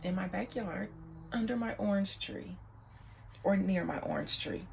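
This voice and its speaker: A woman with a gravelly voice leads a ritual reading at an unhurried, drawn-out pace. She calls out names repetitively and slips into hushed whispers. A faint background hum runs under her voice. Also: medium pitch, rough recording. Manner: incantatory, repetitive, shifts into whispers. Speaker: spiritual reader.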